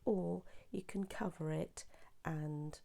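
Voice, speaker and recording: A woman with a hoarse voice from a sore throat, chatting her way through a craft tutorial with many restarts. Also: fairly low pitch, steady tone, slow, mellow. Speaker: papercraft demonstrator.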